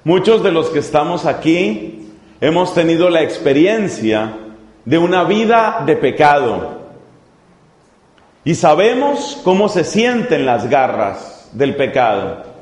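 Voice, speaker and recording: A man preaching a sermon, speaking deliberately and repeating key phrases for emphasis. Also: fairly high pitch, sing-song, darkish tone. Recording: echoey hall, long reverb.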